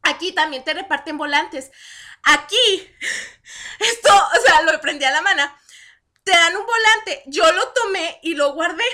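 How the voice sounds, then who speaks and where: A woman from Chihuahua with a northern Mexican accent, telling lively anecdotes in casual chat and laughing often. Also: very high-pitched, unhurried. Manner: animated, laughs often while telling anecdotes, acts out dialogue.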